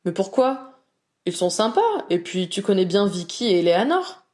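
A woman's voice: medium pitch, big pitch swings, moderate pace, a little mellow, close to an everyday voice. A woman voicing a sincere, worried young male wizard who speaks in a reassuring way.

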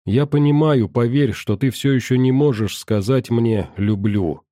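A man's voice: medium pitch, measured pace, warm tone, no room sound, studio quality, natural voice. A man voicing an emotional teenage girl in an audiobook, speaking tenderly and tearfully. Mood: pleading.

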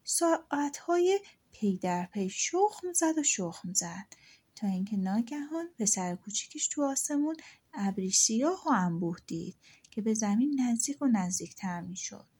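A woman narrating a folk tale as an audiobook, in a soft storytelling voice that turns hushed in places. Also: fairly high pitch, animated, husky.

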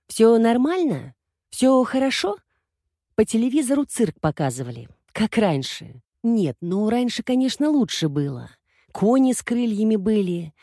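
A woman reading the part of an older mother who rambles and nags her grown son, in a somewhat raised, lively voice. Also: mid-range voice, breathy edge, dry recording, studio quality, exaggerated voice. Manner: rambling, nagging. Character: chattering worried older mother.

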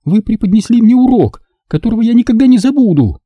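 A man's voice: very high-pitched, expressive, quick pace, no room sound, highs cut off, pitched above the performer's own voice. A man voicing a spiteful, furious young woman who shrieks and spits out her words. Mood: bitter.

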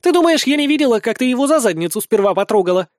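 A bratty young succubus who taunts and squeals in a very high, piercing voice, as a male narrator puts her on. She bickers sharply and teasingly in this audiobook, and the dry, close reading leaves no room sound. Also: expressive, rapid-fire, a little mellow, dry recording. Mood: taunting. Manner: shrill, taunting.

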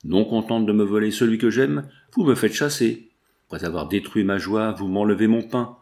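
A man's voice: lowish voice, moderate pace, a little mellow, lightly acted. Man voicing a defiant young seamstress. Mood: indignant. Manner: impassioned, indignant pleading.

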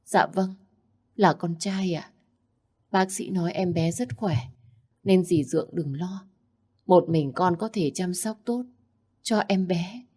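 A woman's voice: on the low side, slow, long pauses, a little mellow, breathy edge. A woman doing a meek-sounding young schemer. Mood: pleading.

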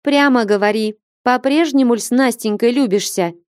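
A woman voicing a bold, impatient young woman who scolds and mocks in a raised, lively voice. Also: on the high side, moderate pace, dry recording, clean studio sound, voice pushed up, natural voice. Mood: scolding. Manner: scolding, insistent, mocking.

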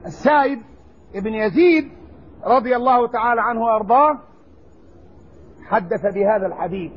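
A man teaching a recorded religious lesson, explaining slowly and deliberately and stressing word forms. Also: very high voice, slightly rough. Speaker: Islamic scholar teaching hadith. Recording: dull lo-fi lecture recording.

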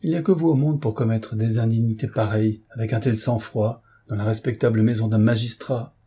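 A man's voice: lowish voice, steady tone, a little fast, warm tone, husky. A man reading aloud, voicing an indignant middle-aged woman housekeeper in a raised, scolding voice. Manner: exclaiming, scolding.

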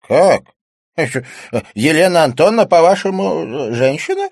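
A man's voice: very animated, no room sound, clean studio sound. A man reading a novel aloud and voicing a sour, grumbling middle-aged male cynic who sneers and drags out his words. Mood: mocking. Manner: sneering, drawn-out and squeaky.

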